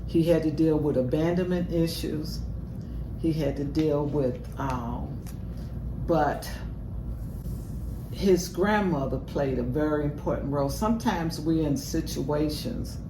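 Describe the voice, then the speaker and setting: Older lady doing reaction commentary, earnest life advice type talk, far from the mic, roomy and noisy. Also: deep voice. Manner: reflective, earnest older woman, advice-giving. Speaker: reaction show co-host. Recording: roomy, distant mic with heavy noise.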